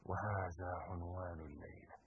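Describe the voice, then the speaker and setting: A male preacher with an Egyptian Arabic accent giving a sermon, swinging between hushed pleading and impassioned shouting. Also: low-pitched, steady tone, moderate pace, husky, lo-fi sound.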